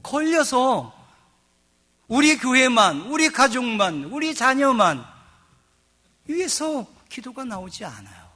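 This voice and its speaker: Middle-aged man, pastor, sermon, high voice, lively intonation, hushed asides and loud emphasis. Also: slow pace, long pauses. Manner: animated preaching, swinging between hushed asides and loud emphasis; acts out quoted voices in a chatty, joking tone.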